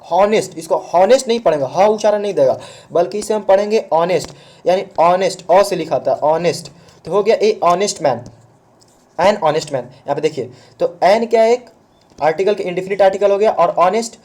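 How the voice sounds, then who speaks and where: Guy teacher explaining grammar slow and patient, high but mellow voice. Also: lively intonation. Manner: patient step-by-step explaining, asks and answers own questions; mixes English words into Hindi. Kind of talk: online grammar lesson.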